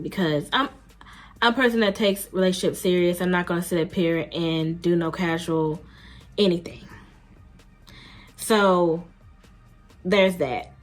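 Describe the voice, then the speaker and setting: A woman vlogger telling a dating story in a blunt, emphatic, slangy way, casually talking to her viewers. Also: lowish voice.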